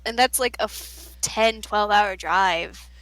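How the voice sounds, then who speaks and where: A woman's voice: medium pitch, slow pace, a bit bright, no room sound, low-quality recording. A woman playing in a tabletop game, playful and teasing. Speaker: player. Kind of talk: casual tabletop game chat.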